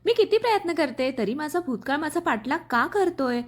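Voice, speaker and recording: A woman's voice: high-pitched, very animated, brisk. A woman voicing a hurt, shy young wife in a storybook reading, speaking tearfully and hesitantly.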